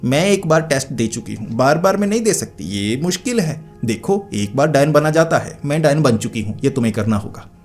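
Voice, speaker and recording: A man's voice: medium pitch, expressive, brisk, few pauses, soft background music, natural voice. A man voicing a stern, proud old female witch leader who scolds and commands.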